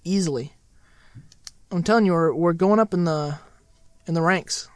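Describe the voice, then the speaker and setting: A man's voice: a little high, moderate pace, dry recording. Man, podcast co-host, casual rambling banter, jokey, dry close sound. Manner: rambling, joking, repeats himself.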